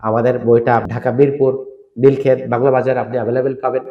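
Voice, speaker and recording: A man from Bangladesh teaching Quran reading, asking and answering his own questions in an energetic recorded lesson with spoken drills. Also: mid-range voice, fast, reverberant, dull audio.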